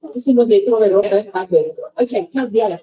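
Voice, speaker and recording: A woman's voice: mid-range voice, brisk, dark tone, far from the mic, poor audio. A woman acting as master of ceremonies at a surprise birthday party, playful and teasing as she draws out the guest of honor.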